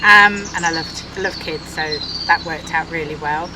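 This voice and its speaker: A woman's voice: low voice, moderate pace. Woman, middle-aged, Essex accent, chatty, laughs a lot, outdoor noise. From Essex, England. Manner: chatty, laughs often, reads out viewer questions. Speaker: vlog co-host. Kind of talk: casual chat. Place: outdoors on a moving narrowboat. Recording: outdoor noise from boat and traffic.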